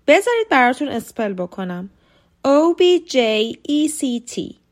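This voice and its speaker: A woman gives a scripted podcast lesson in a somewhat high voice. She talks clearly and with care. She slows right down whenever she spells out or models a word. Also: a bit bright. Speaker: podcast host and English teacher.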